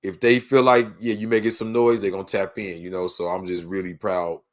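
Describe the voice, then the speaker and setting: A deep-voiced Los Angeles man with a local accent speaks briskly in a level tone. He's a podcast guest telling his story in a casual, slangy way, throwing in "you know what I mean" a lot.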